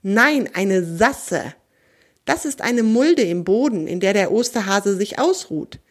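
A woman's voice: medium pitch, animated, moderate pace, darkish tone, lightly acted. A woman voicing a small, cheeky female field mouse with a playful, teasing way of talking. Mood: explaining.

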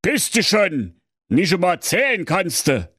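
A man's voice: high-pitched, sing-song, a little slow, sharp tone, slightly rough, no room sound, studio quality, pitched above the performer's own voice, exaggerated voice. A man voicing a blunt, hard-hearted father who scolds his daughter in a comic fairy-tale parody. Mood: scolding. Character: gruff hard-hearted middle-aged cheese-carver father.

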